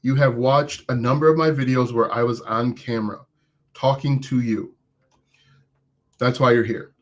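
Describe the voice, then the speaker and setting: A man with a mid-range voice and fairly even intonation answers chat while coaching viewers live on online business. At a moderate pace he speaks conversationally and encouragingly, often restarting, and says he himself has an accent.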